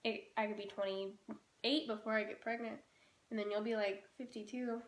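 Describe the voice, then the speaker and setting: A woman's voice: on the high side, steady tone, normal speed. A woman in her twenties chatting casually and teasingly in a home vlog. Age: 20s. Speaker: vlogger. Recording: echoey room.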